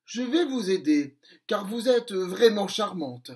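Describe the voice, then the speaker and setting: A man voicing a wicked, hot-tempered pirate captain in a children's storybook reading, loud and falsely polite. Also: high voice, animated, takes it slowly. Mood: sly.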